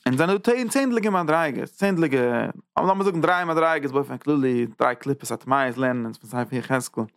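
A man teaching a Torah lecture as a rabbi, repeating phrases and checking in with quick "ja?" asides. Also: medium pitch, expressive, gravelly, clean tone, no room sound, studio quality. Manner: tags points with quick "ja?" checks; repeats and restarts phrases while building an idea.

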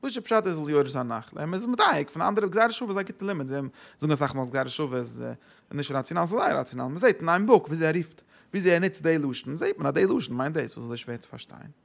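A man's voice: a little high, animated, fast, vocal fry. A man giving a Torah lecture, asking rhetorical questions and answering them, with English words mixed in.

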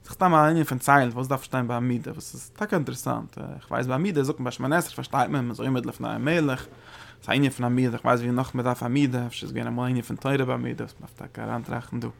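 A man delivers a religious study lecture in a gravelly, mid-pitched voice. He talks in halting bursts, doubling back on his words. Every so often he lifts his voice high to drive a point home. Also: steady tone. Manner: halting, repeats words and restarts phrases; sudden emphatic rises when stressing a point. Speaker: Torah teacher.

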